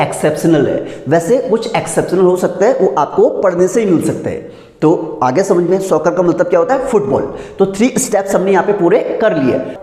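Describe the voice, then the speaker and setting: This Indian man teaches spoken English in a classroom, repeatedly posing questions and then answering them as he drills pronunciation. His voice is high-pitched and a little mellow. Long reverb fills the echoey room.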